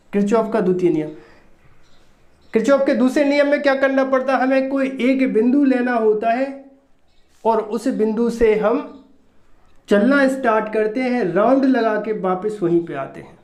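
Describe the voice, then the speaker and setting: A physics teacher talks slowly through a lecture, going over every step twice and tossing out little check questions. The room around the voice is roomy and echoing. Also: medium pitch, a little mellow. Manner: repeats each step and asks rhetorical check questions. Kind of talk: recorded classroom-style lecture. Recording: roomy echo.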